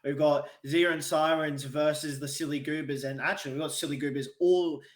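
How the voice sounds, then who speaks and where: Male esports caster, upbeat and talky, slightly high voice, roomy echo. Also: steady tone, fairly quick. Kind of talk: casual play-by-play desk chat.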